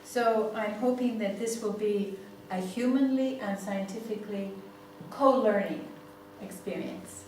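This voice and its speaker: In a seminar room with heavy echo and noise, picked up from a distance, a native Greek woman in her sixties speaks with a Greek accent. She teaches family therapy to a hall, filling her talk with "um"s and asking "yeah?" to check in. Her voice is mid-range and darkish, at a measured pace with barely any pauses.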